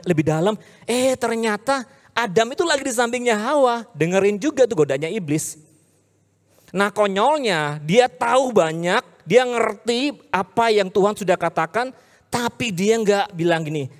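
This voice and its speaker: A man with an Indonesian accent preaching a casual youth sermon, swinging from loud hype to low, earnest talk. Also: lively intonation, normal speed. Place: church hall. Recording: reverberant church hall.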